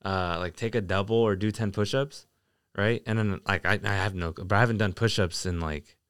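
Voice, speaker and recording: A man's voice: on the low side, moderate pace, fairly bright tone, clean tone, no room sound, clean studio sound. A young man chatting casually with friends as a podcast host, talking like a frat bro with lots of slang and swearing. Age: young adult.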